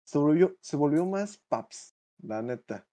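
A man's voice: fairly high pitch, expressive, slow pace, mellow. A young man with a Mexican accent, co-hosting a podcast in casual chat, slangy and rambling, full of fillers and restarts. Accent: Mexican Spanish. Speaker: podcast co-host.

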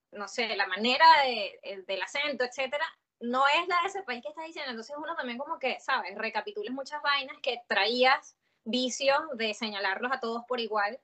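A young adult woman from Venezuela with a Venezuelan accent, chatting casually as a podcast guest, lively, laughing often and swearing offhandedly. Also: high-pitched.

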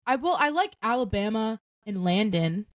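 Her voice is on the high side and very animated, with a moderate pace and no echo. She co-hosts a casual chat podcast, teasing playfully and frequently erupting in loud incredulity.

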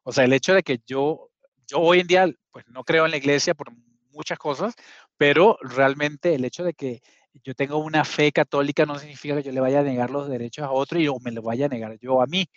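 A man in his thirties speaks as an interview guest, earnest and slightly high-voiced, often backing up to restart a phrase. The recording is dull and a little muffled, with a dry sound and no room echo. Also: steady tone, brisk. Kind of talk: conversational storytelling.

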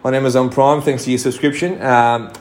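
A man's voice: medium pitch, steady tone, fairly quick. An Australian man hosting a casual sports chat, enthusiastic and rambling with many fillers and restarts. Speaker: podcast host.

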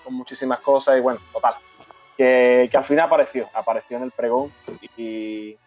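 A man tells an old memory at an unhurried pace, stumbling over and repeating his words. The recording is dull and lo-fi, with faint music underneath. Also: mid-range voice, steady tone. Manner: halting, repeats words, moved. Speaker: host of a brotherhood talk show. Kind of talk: emotional storytelling in casual chat.

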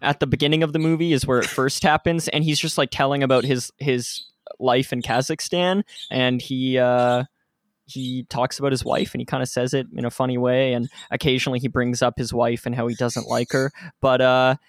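A man's voice: mid-range voice, little pitch movement, a little fast. Rambling, laughing podcast man. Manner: laughing, rambling with restarts and fillers. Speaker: podcast co-host. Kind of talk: casual chat.

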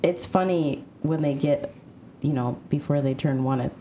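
Dark-voiced blunt woman chatting. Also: deep voice, normal speed, slight background noise. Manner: blunt, laughs often. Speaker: podcast co-host. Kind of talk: casual chat.

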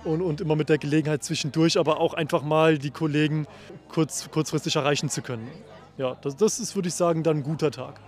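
A man with a slightly high voice answers questions outdoors at a party. He is hesitant, restarting and repeating words as he thinks. His talk is casual and friendly. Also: steady tone, quick pace, darkish tone. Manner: hesitant, stammering, many restarts. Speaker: software developer.

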